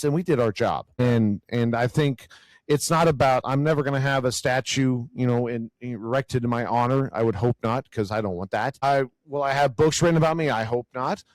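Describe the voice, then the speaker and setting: Speaking earnestly in an informal faith discussion, a man who says he has a growly, loud voice often repeats words as he looks for what to say. His voice is mid-range, and the rough recording has no echo.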